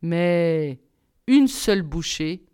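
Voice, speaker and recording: A woman reads a fairy tale aloud with expressive, measured storytelling. Her voice is smooth and clear, recorded close with no room sound. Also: on the low side, no room sound. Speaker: reader.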